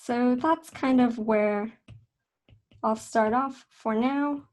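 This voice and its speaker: A young woman teaching a casual drawing lesson, talking in a relaxed, chatty way with fillers and self-corrections. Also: fairly high pitch, slow. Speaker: art instructor.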